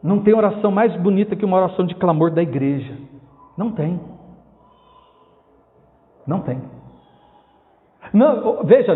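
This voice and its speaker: A man preaching an expository sermon as pastor, emphatic, asking rhetorical questions and repeating key phrases. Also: high voice. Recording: tinny phone-like sound with long hall reverb.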